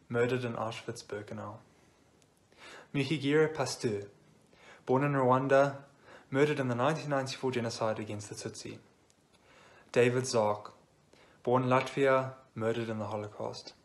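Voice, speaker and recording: A young man from South Africa reads memorial names in a measured, solemn recitation. His voice sits at a middle pitch. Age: young adult. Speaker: memorial reader. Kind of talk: solemn reading of victims' names.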